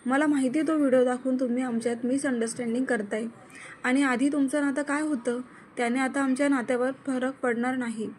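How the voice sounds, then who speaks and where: A woman's voice: high-pitched, fairly even intonation, brisk, a little mellow, slight background noise, close to an everyday voice. A woman voicing a jealous young wife in an audio story who speaks coldly and defiantly. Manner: cold, defiant.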